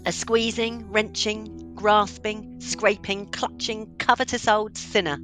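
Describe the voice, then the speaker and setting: A woman narrating a radio play as a storyteller, deliberate and expressive in her dramatic delivery. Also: mid-range voice, lightly acted. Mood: storytelling. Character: storyteller narrator of a Victorian Christmas tale. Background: music.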